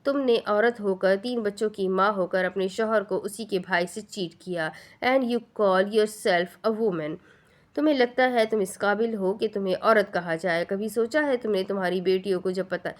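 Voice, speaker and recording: A woman's voice: mid-range voice, close to an everyday voice. A woman voicing a cold, blunt female barrister who slips English phrases into her speech. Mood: icy. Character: cold sharp-tongued female barrister, young adult.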